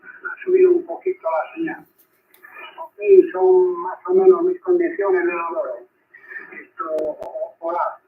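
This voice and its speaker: A man from Spain with a Spanish accent from his country talks over shortwave radio. His voice sits high and moves up and down a great deal. He repeats himself in a halting way, and the thin, phone-like signal marks it as a ham radio contact. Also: very animated. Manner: halting, repeats words and figures, frequent check-ins. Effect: radio transmission. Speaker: amateur radio operator. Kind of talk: ham radio contact, spelling out call signs.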